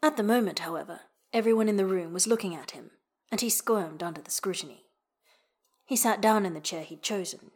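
A woman narrating a novel in steady, even storytelling narration. Her pitch sits in a middle register, and she drops low and hushed at the ends of phrases. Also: brisk. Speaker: audiobook narrator. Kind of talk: scripted narration.

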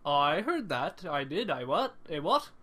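A man voicing a blustering, old-fashioned male captain who ends each remark with a gruff "eh, what?", in an amateur audio drama. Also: a little high, big pitch swings, unhurried, sharp tone, exaggerated voice. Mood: bemused.

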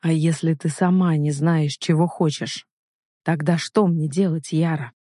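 A man plays a domineering, possessive young man who speaks slowly and forcefully. His voice stays close and dry. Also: fairly high pitch, steady tone, no room sound. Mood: angry. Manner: forceful, slow and loud.

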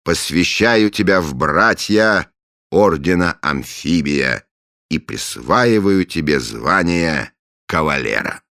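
Brief: man doing a megalomaniac commander, loud, solemn, with a gravelly edge under the lifted pitch. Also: animated, slow, no room sound, studio quality, full character voice. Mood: pompous. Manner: solemn, imperious pronouncements, later loud and hearty. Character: grandiose middle-aged male leader of a secret order, commanding. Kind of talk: audiobook character voice.

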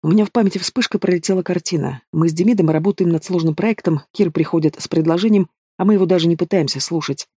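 A man narrating a first-person dramatic audiobook in a steady reading voice. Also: high-pitched, quick pace, few pauses, slightly rough, no room sound, studio quality.

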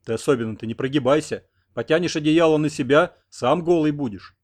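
A man reading an audiobook, voicing an unflappable interpreter who speaks flatly. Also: a little high, a little fast, lightly acted. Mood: menacing. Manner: flat, unflappable. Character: deadpan unfriendly interpreter man.

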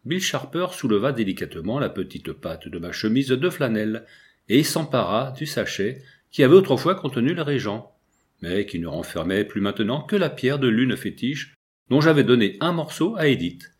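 Un homme lit à voix haute un roman d'aventures, en narration écrite, avec un français et des dialogues joués légèrement. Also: male voice, mid-range voice, sing-song, moderate pace. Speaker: audiobook reader. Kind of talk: scripted narration.

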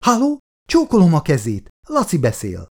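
A man voicing a gentle young man who speaks softly and soothingly. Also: a little high, wildly swooping pitch, pitched above the performer's own voice, full character voice. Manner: soft, soothing.

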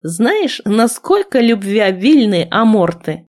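A self-assured noble grandmother speaks with firm, wry confidence, as a woman reading the audiobook puts her on. Her tone is steady and faintly mocking. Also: mid-range voice, slow pace.

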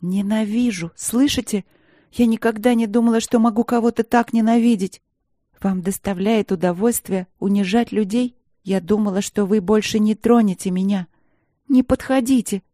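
A woman's voice: medium pitch, brisk, few pauses, dark tone, no echo, studio quality, close to an everyday voice. A woman voicing a proud young princess student who pleads, sobs and lashes out in anger. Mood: tearful anger. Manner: pleading, then sobbing and angry.

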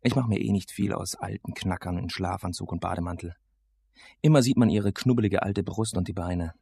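A man's voice: low voice, brisk, vocal fry, dark tone, husky. A man reading a novel aloud as its casual, sardonic first-person teenage narrator. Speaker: audiobook narrator.

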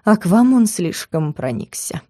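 A woman reading an audiobook, voicing a composed male academy rector who speaks in a measured, formal way. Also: on the low side, big pitch swings, mellow, dry recording, clean studio sound. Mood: calm, explaining. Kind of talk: audiobook character voice.

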